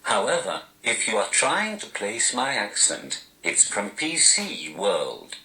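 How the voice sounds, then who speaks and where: A man's voice: lowish voice, wildly swooping pitch, slow pace, pushed and bright, reverberant, low-quality recording. A man, a stand-up comedian, answering interview questions through a text-to-speech device whose voice sounds posh and robotic, with a dry, self-mocking delivery. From Newcastle, England.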